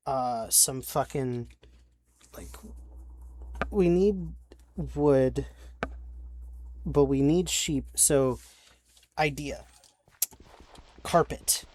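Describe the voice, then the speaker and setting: A young let's-play creator with a fairly high voice comments on his video game, rambling and frustrated, swearing and restarting his sentences. Faint keyboard clicks come through along with slight background noise.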